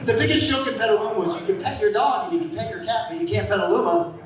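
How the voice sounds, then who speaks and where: A high-pitched man in his fifties tells rambling stand-up stories in a comedy club. His voice bounces around a very echoey room, picked up from a distance by the mic, with faint hiss underneath. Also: animated, fast talker. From San Francisco Bay Area. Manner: rambling storytelling with bursts of shouted character voices. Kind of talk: stand-up set.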